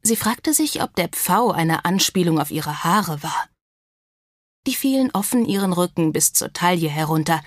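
A woman reading a novel aloud as narrator, in an even storytelling manner. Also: on the low side, no room sound, studio quality. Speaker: audiobook narrator. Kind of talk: scripted narration.

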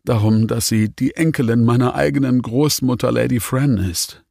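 A man voicing a troubled, resigned young nobleman in an audiobook, speaking in a flat, nearly toneless way. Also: mid-range voice, normal speed, creaky, no echo, studio quality, voice pushed up.

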